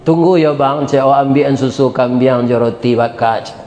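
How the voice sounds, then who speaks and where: A kind young girl coaxes softly, gentle and caring, as a male preacher puts her on. The voice rings out through an echoey hall with a long, lingering reverb. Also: mid-range voice, normal speed, slight background noise, close to an everyday voice. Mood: coaxing.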